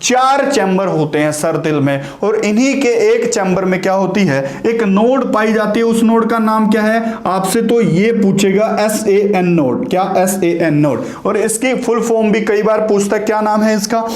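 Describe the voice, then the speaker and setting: A man's voice: high-pitched, normal speed, few pauses, a little mellow. A man teaching a lesson who keeps asking questions and answering them himself, with a Haryanvi Hindi accent. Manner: asks and answers his own questions. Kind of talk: classroom lecture. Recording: echoey room.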